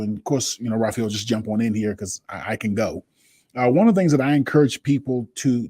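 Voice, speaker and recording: Dark-toned earnest male podcast co-host. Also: medium pitch, dry recording. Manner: earnest, fond of metaphors. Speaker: leadership coach co-host. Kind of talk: podcast talk.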